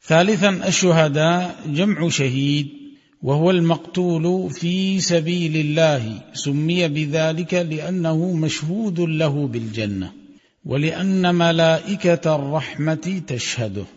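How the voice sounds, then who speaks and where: Man, religious lesson, slightly high voice, measured explanation, chanted quotes, long hall reverb, muffled sound. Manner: measured, recites quoted passages with melodic chanting. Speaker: religious teacher. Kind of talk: reading and explaining a religious text.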